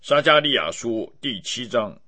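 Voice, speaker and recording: A man giving a steady, measured scripted reading of scripture. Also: medium pitch. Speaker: Bible reader.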